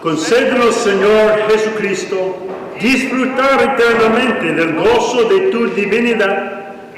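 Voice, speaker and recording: A male priest with a fairly high voice leads the service at an unhurried, measured pace. He is caught by a distant mic, so his words ring out in a big cathedral echo over steady background noise. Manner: slow, measured liturgical delivery. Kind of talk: leading a church service. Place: large church. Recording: echoey church from far off, noisy.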